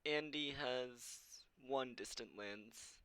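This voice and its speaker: A man's voice: mid-range voice, slow, a bit bright, clear, resonant tone, no room sound. A man co-commentating a card game over an online call while his audio keeps cutting out. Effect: audio cutting out in dropouts.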